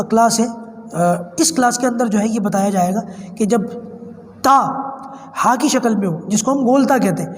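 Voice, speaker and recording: High-voiced patient man spelling syllables. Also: in a large hall. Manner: slow chanted recitation of verses. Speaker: Quran reading teacher. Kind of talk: online Quran reading class.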